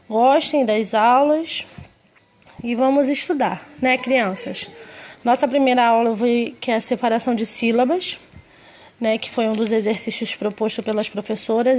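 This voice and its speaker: A woman's voice: a little high, slight background noise. A woman teaching a lesson to children, patiently stretching out words and syllables.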